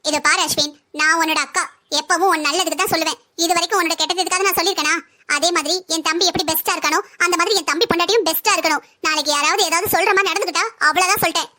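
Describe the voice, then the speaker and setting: A woman voicing a bossy, sharp-tongued older sister-in-law who taunts and scolds in a cartoon family story. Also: very high-pitched, steady tone, very fast. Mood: scolding.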